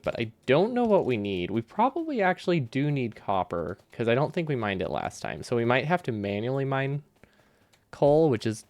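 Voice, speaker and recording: A man with a medium-pitched, darkish voice and no echo chats casually on a game livestream. He's easygoing, rambling as he thinks aloud, and his speech is slightly hindered by a loose dental retainer.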